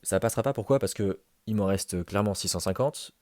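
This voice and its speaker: A man with a lowish, mellow voice recaps a workout challenge in an informal vlog voice-over. He talks conversationally, as if thinking out loud to his viewers, and the sound is close and dry. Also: fairly quick, no room sound. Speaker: fitness challenge vlogger.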